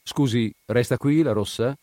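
A man's voice: mid-range voice, moderate pace, mellow, dry recording, clean studio sound, pitched above the performer's own voice, close to an everyday voice. A man voicing a dutiful, plain-spoken police sergeant reporting in a respectful manner. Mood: hushed, deferential.

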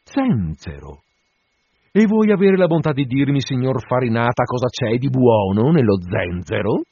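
A man voicing an indignant, suspicious ship's mate who rants loudly and mocks others. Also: mid-range voice, animated, moderate pace, creaky, husky, no room sound. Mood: mocking. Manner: loud, indignant, mocking rants. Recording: dull dry radio broadcast.

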